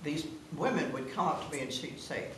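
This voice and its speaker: In a noisy, echoey room picked up by a distant mic, a 98-year-old woman, the guest of honor, reminisces casually among family. Her voice is low-pitched, expressive and a little fast, and she tells her stories in a giggly, playful way.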